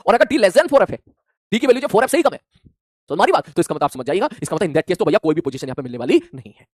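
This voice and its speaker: A male physics teacher speaking fast. His voice swings up and down a lot. It sounds dry and close, no room echo, and he acts out student replies as he explains. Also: high voice. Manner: animated, plays out imagined student replies. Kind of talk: classroom lecture.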